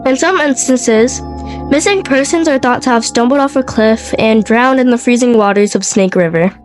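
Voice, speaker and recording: Congested from a cold, a young woman co-hosts a podcast and tells a story that's part scripted, part casual chat. Her fairly high-pitched voice moves at a moderate pace, with faint music behind.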